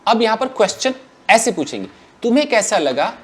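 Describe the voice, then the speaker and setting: A man teaching English grammar to a class, asking questions and answering them himself in an animated way. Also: sits high, a little fast.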